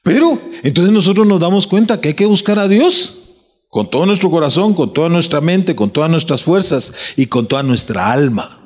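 A man preaching. His voice sits fairly high and swings widely in pitch as he fires questions at the congregation and doubles back on his words. The sound carries a long reverb, as if caught in a large church hall. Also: animated, normal speed, slightly rough. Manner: preaching with rhetorical questions and repeated restarts. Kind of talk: sermon.

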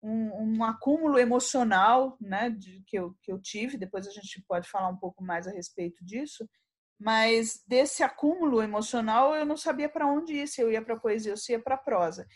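A woman poet recounting anecdotes in an interview with a high, bright-pitched voice. She acts out both sides of conversations and laughs often as she tells them. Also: normal speed. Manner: lively anecdotes, acting out dialogue, frequent laughter. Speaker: poet and writer, interview guest. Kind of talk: animated storytelling in an interview.

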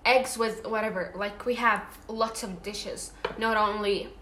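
A woman's voice: medium pitch, fairly even intonation, measured pace, fairly bright tone, roomy sound, a little hiss or hum. A young woman chatting casually on her vlog while eating, full of fillers and restarts. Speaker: vlogger.

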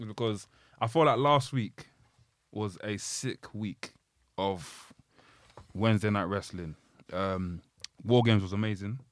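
A man with a London roadman accent and slang-heavy delivery, hosting a casual podcast with animated, hyped banter. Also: lowish voice, takes it slowly, pauses often, a little hiss or hum. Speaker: podcast host.

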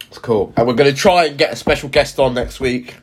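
A man's voice: mid-range voice, a little fast, husky. A man co-hosting a podcast, chatting casually in street slang and often repeating himself. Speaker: podcast co-host.

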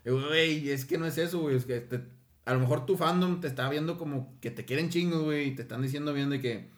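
A man's voice: a little high, quick pace. A man in his twenties with a Mexican accent, chatting casually and laughing on a podcast with friends. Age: 20s. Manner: slangy, laughing, talks over others. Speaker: podcast co-host. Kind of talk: casual chat.

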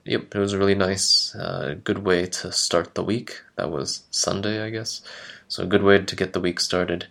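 Young adult man, very low voice, creaky, flat intonation, casual rambling podcast host.

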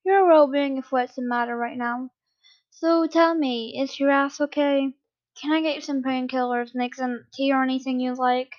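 A woman voicing a calm, doting young man who speaks slowly and teasingly in a fan story reading. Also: sits high, lightly acted. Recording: dull lo-fi recording.

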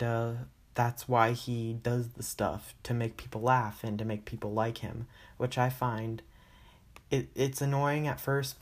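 A man hosts a podcast and recaps an episode in a relaxed, chatty way. His talk wanders and is dotted with "uh" fillers. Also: medium pitch. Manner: chatty, loose, with frequent "uh" fillers. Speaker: podcast host.

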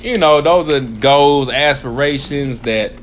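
A young man, co-hosting a casual podcast. He is animated, laughs often and jumps up into high exclamations. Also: slow pace, slight background noise. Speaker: podcast co-host. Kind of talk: casual chat.

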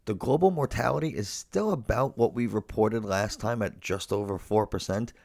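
A man's voice: fairly low pitch, normal speed, vocal fry, a little mellow. A man from the United States co-hosting a casual podcast, explaining things with joking, sarcastic asides. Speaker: podcast co-host.

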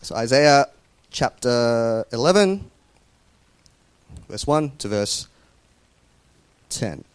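A man's voice: medium pitch, animated, extremely slow, pauses often, clear, resonant tone, no room sound. A man with occasional New Zealand inflections gives a casual, hesitant sermon introduction full of fillers, then reads scripture aloud at a church service. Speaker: preacher.

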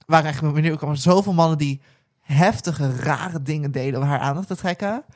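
Young woman, twenties, podcast co-host; chatty and animated, jumps up in pitch to stress a point. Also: a little fast. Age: 20s. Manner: animated, swings pitch up for emphasis; sprinkles English words into her talk. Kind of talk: casual chat.

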